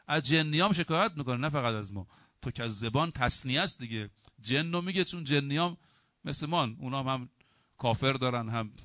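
A middle-aged man preaching a sermon as a cleric, telling humorous anecdotes and moving between loud emphasis and quieter asides. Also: mid-range voice, dry recording. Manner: lively storytelling with humor, acting out quoted dialogue.

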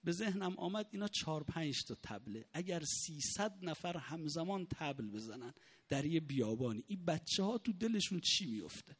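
A man's voice: fairly high pitch, very animated, slightly rough. A man preaching a mourning sermon, emotive in his storytelling, his voice rising in the moving moments.

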